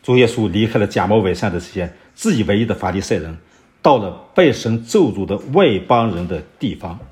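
In an animated, slightly mellow voice of fairly low pitch, a man preaches verse by verse through the Bible. He asks rhetorical questions and occasionally fills pauses while searching for references.

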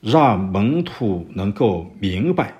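A man's voice: fairly low pitch, very animated, slow, warm tone. Man giving an expository Bible sermon. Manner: expository Bible teaching with rhetorical questions; searches for references aloud with many fillers. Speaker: preacher.

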